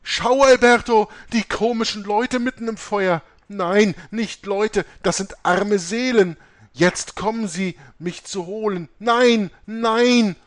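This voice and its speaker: A man's voice: medium pitch, animated, measured pace, dry recording. A man reading aloud voices a young dying mother who is terrified of visions and begs her son for help in panicked, shrieking pleas. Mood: screaming terror.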